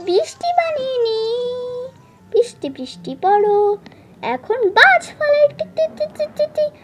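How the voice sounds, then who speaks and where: A performer voicing a mischievous cartoon male duck, a scheming prankster who gloats to himself and repeats his words. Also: very high voice. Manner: gloating, repetitive, talks to himself. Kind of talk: Bengali cartoon dub, exaggerated.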